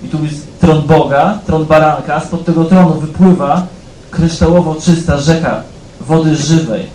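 A man preaching a sermon in a conversational way, often checking in with the congregation and growing louder as he reads scripture aloud. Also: fairly high pitch, unhurried, echoey room, a little hiss or hum, rough recording. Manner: conversational, keeps asking "tak?" of the congregation; rises louder when reading scripture aloud.

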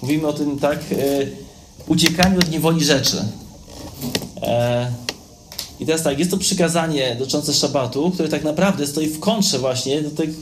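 A man's voice: fairly high pitch, moderate pace. A man preaching a sermon in a conversational way, often checking in with his listeners. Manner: conversational, addresses listeners directly with frequent "tak?". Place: church hall with a live audience. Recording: echoey hall with background noise.

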